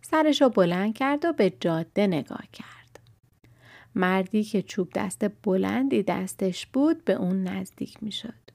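A woman narrating a children's story in a calm, expressive reading voice. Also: medium pitch, vocal fry, no room sound, studio quality.

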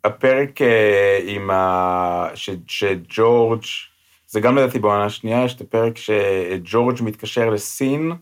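A man's voice: on the low side, clean tone. A man co-hosting a podcast in casual chat, giving blunt opinions and steering the talk with questions. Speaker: podcast co-host.

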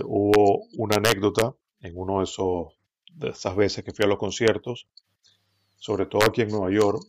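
A middle-aged man with a Venezuelan accent, telling his story as a podcast guest in a relaxed, rambling way with many fillers and restarts. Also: sits low, dry recording. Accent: Venezuelan Spanish. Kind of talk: casual conversational storytelling. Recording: dull lo-fi recording.

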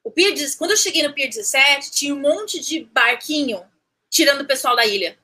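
A woman, recounting a personal story as an interview guest, animated, restarting phrases and acting out what people said. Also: sits high, a little fast. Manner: animated, restarts phrases, acts out quoted speech.

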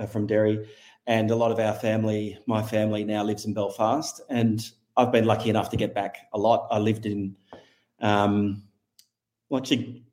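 A middle-aged Australian man with a fairly low voice talks loosely through a podcast interview. He wanders, hesitates and corrects himself mid-sentence. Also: a little mellow. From Western Australia. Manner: rambling, self-correcting, thinks aloud with frequent hesitations. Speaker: podcast guest. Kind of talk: casual conversational interview.

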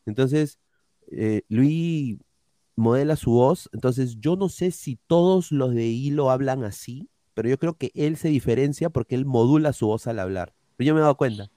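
Guy hosting a podcast, warm low-key voice, dry close mic, rambly. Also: normal speed, no room sound. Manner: rambling, many fillers, tag questions. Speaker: podcast host. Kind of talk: casual podcast chat.

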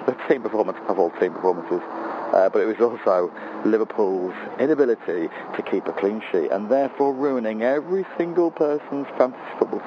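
A man from Grimsby, a comedian, leaving a jokey, rambling voicemail over the phone while outdoors at a train station. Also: lowish voice. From Grimsby, England. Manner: jokey, rambling, self-deprecating. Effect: heard over a phone voicemail line. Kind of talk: casual chatty voicemail message. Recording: muffled phone line with loud street and train noise.

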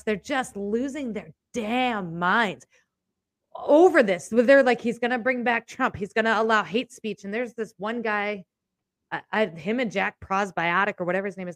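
A woman co-hosting a casual political chat, sarcastic and animated, swearing freely. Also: mid-range voice, dry recording, clean studio sound. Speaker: podcast co-host.

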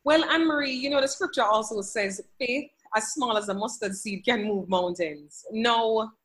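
A woman with a slightly high, fairly bright voice speaks at normal speed. She's a language educator on a podcast, answering interview questions from her home office in an earnest, faith-filled way that includes scripture quotes.

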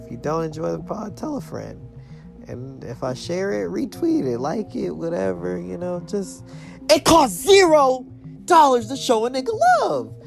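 A man's voice: high voice, animated, unhurried, creaky. A young man chatting casually as a solo podcast host, in loose, slangy bro talk. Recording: music playing behind the voice.

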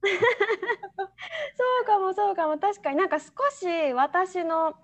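A woman's voice: extremely high pitch, slow, a bit bright. A young woman co-hosting a podcast in casual chat, telling stories animatedly and laughing often. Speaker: podcast co-host. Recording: dull lo-fi sound.

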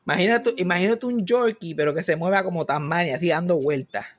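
Animated Puerto Rican man, slightly high voice. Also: a little fast. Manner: animated comic storytelling, mixing in English words. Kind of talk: casual chat.

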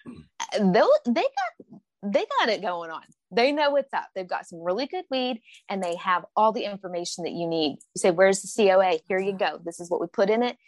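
Animated woman from Oklahoma telling stories. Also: medium pitch, a little fast, dry recording. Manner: animated storyteller, acts out quotes. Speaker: guest. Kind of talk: casual podcast chat.

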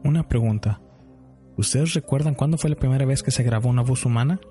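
A man narrating a true story in a grave, measured scripted delivery. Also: medium pitch, mellow. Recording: music bed behind voice.

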